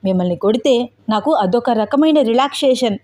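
A woman's voice: fairly high pitch, expressive, normal speed, dark tone, close to an everyday voice. A woman reading a cool mocking young fighter. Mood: coolly mocking. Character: calm fearless young man, mocking fighter.

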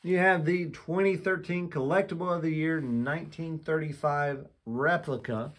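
A man's voice: a little high, fairly even intonation, moderate pace, very noisy. A man reviewing a collectible lighter in a casual vlog, talking candidly and with enthusiasm, often restarting his sentences. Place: room with shelves of lighters on display, indoors.

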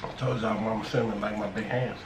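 A mukbang vlogger chats casually and trades joking, teasing banter on his food vlog. His fairly low voice holds a steady tone at a quick pace, and the room is echoey with clear background noise.

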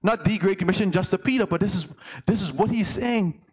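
A man's voice: high voice, fairly quick, darkish tone, slightly rough. A man with a Bahamian accent, an elder preaching a conversational sermon and asking the congregation questions.

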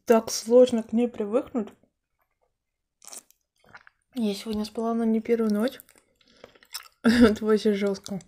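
Chewing young woman chatting softly. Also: fairly high pitch, flat delivery, slow pace, long pauses. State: chewing while talking. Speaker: mukbang vlogger. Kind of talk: casual chat to camera while eating.

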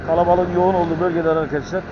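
A man's voice: high voice, flat delivery, rapid-fire. A man giving casual, chatty commentary to his viewers as he rides a scooter outdoors through town streets. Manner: addresses viewers as friends repeatedly. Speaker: motovlogger. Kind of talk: casual vlog commentary while riding. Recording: dull lo-fi, loud engine and traffic noise. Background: engine, traffic and street noise.

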